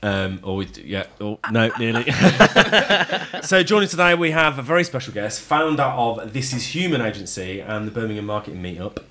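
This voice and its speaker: A man's voice: mid-range voice, lively intonation, normal speed, bright, forceful tone. A man hosting a podcast, introducing guests and teasing them in a casual, jokey way. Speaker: podcast host. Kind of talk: casual chat.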